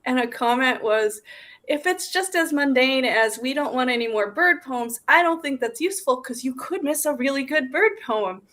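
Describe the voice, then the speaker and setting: A woman's voice: high-pitched, lively intonation, normal speed. A woman from Colorado interviewing a poet, chatty and affirming, often backing him up with small agreements. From Colorado, United States. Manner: warmly affirming, chatty, lots of agreement sounds. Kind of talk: casual interview conversation.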